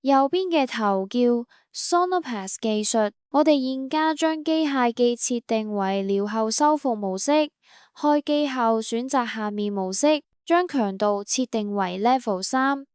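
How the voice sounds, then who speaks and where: A woman reading a scripted instructional voice-over for a beauty salon, in an even, promotional step-by-step manner. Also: fairly high pitch, a little slow, clean tone, no echo, clean studio sound.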